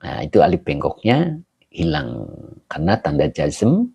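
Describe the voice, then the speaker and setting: A man's voice: a bass voice, wildly swooping pitch, measured pace, creaky, warm tone, breathy edge, no echo, dull audio. A man teaching as an Islamic scholar on a live stream, chatting and greeting viewers by name between grammar explanations. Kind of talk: live-streamed kitab study, reading comments aloud. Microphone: handheld camera he holds himself.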